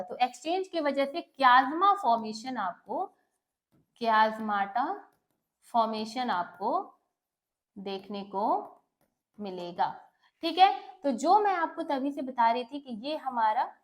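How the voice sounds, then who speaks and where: A woman giving a bilingual lesson, explaining step by step and answering her own questions as she switches between Hindi and English terms. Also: high-pitched. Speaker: teacher. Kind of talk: bilingual classroom lecture.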